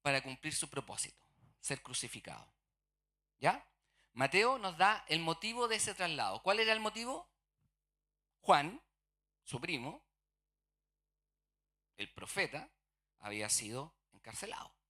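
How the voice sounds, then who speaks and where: Bright-voiced preacher. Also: medium pitch, very animated, a little slow, long pauses. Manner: asks the congregation rhetorical questions and answers them. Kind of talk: sermon. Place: church.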